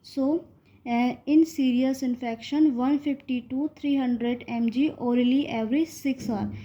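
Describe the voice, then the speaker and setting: An Indian woman lecturing on pharmacy in a slow, deliberate voice that is a little higher than most. She reads each point carefully, then explains it in a quick Hindi aside. Her tone is mellow, and the recording sounds dull and lo-fi. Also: fairly even intonation. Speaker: pharmacy teacher. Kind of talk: classroom lecture. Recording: dull lo-fi audio.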